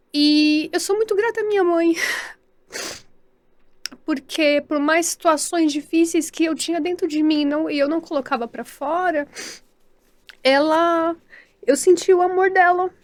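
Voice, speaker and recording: A woman with a Brazilian Portuguese accent, a podcast guest telling her personal story in earnest, halting speech, often repeating words and asking for agreement. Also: sits high. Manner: devout, speaks of faith with feeling. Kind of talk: personal testimony in an interview.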